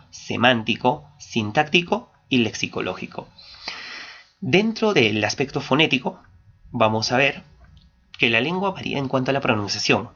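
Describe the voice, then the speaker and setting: A man's voice: medium pitch, fairly bright tone. Peruvian man lecturing on grammar. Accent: Peruvian Spanish, Ayacucho. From Peru. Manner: asks rhetorical questions and answers them; stresses key terms, stretching some words slowly. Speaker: teacher. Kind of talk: classroom lecture. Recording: dull lo-fi recording.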